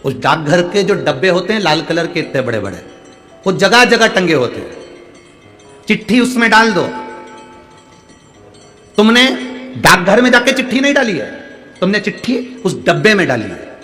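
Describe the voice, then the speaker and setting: A preacher man with a higher voice. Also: big pitch swings, normal speed, pauses often, pushed and bright, soft background music. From central India. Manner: urges the crowd to call back answers; answers listeners' letters with homely examples. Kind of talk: devotional sermon to a live crowd. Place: large outdoor stadium gathering.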